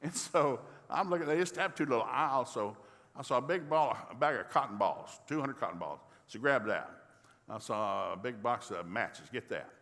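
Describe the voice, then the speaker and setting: A middle-aged man preaching in a church, telling a folksy, humorous story and acting out the dialogue in lively voices. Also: medium pitch, normal speed. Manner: folksy, animated, acts out dialogue. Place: church sanctuary. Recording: long reverb of a large hall.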